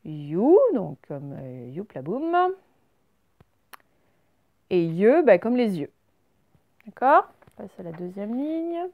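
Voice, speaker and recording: Woman, schoolteacher, reading lesson for small kids, slow careful explaining, medium pitch, dry close sound. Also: sing-song, no room sound, narrow, tinny audio. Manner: slow, clear, explains each word step by step. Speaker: teacher. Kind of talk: recorded reading lesson for young children.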